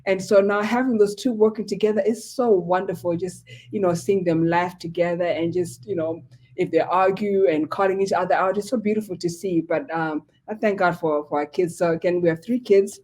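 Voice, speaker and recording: A woman's voice: lowish voice, fairly even intonation, a little fast. A woman in her forties, originally from Zimbabwe, a pastor telling her story as a guest with many fillers. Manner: warm storytelling with frequent fillers. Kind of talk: casual interview talk.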